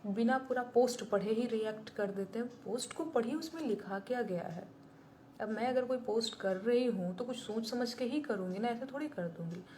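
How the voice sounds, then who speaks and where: A woman's voice: fairly high pitch, a little mellow, a little hiss or hum. A woman singer-songwriter talking bluntly and indignantly to her viewers on a live stream. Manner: blunt and indignant, plain-spoken.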